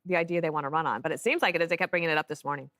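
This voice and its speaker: A woman hosting a cable news panel show, reading scripted intros in a brisk, light way into a studio mic. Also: low-pitched, fairly bright tone, no room sound. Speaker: show host.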